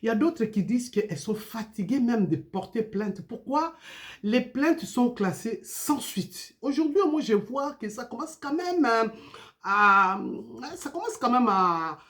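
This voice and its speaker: A woman giving an informal video sermon, animated and full of rhetorical questions. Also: fairly high pitch, measured pace. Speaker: preacher.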